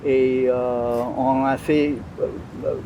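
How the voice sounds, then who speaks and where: A man with a Louisiana French accent talks as a guest in a conversational interview, his medium-pitched voice level in tone and slow. He hesitates often while searching for words, and the recording is muffled with slight background noise.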